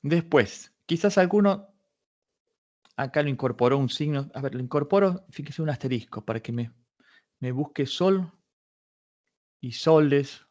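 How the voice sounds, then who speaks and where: A man's voice: a little high, animated, measured pace, long pauses, darkish tone, dull audio. A man in a workshop, walking listeners step by step through a database search, thinking aloud and correcting himself as he goes. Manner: explains step by step, thinking aloud with many restarts. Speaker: workshop instructor. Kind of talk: live online patent search tutorial.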